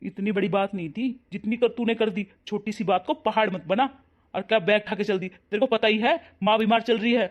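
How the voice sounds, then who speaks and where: A voice actor playing a young husband and protective son in a cartoon, loud and scolding. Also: medium pitch, brisk, dull audio, close to an everyday voice. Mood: coaxing. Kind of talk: cartoon voice acting.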